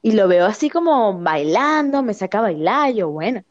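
A woman's voice: medium pitch, moderate pace, no room sound, muffled recording. A young woman with a Venezuelan accent, telling a story in casual chat with lots of slang and laughter. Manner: animated, laughing often, slangy.

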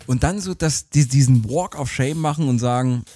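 A man's voice: medium pitch, moderate pace, mellow. A man co-hosting a podcast who chats casually, asks questions and laughs easily. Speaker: podcast co-host. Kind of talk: casual chat.

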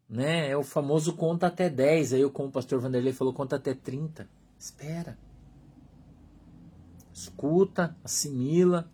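A man preaching a sermon as pastor, in Brazilian Portuguese, emphatic, repeating short phrases and dropping to a hush. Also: mid-range voice, husky.

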